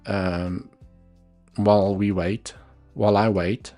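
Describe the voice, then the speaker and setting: A man with a South African accent, Afrikaans being his first language, delivers live market analysis commentary on his trading stream. His voice is on the low side and mellow, level in tone and slow in pace. He mutters asides as he thinks aloud over the charts, faint music behind him.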